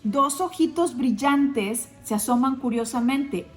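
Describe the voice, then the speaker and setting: A woman reading a picture book aloud to children, gently pointing them to the pictures. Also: sits high, slow. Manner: gentle, addresses kids, shows pictures. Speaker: storybook reader. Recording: roomy with faint music.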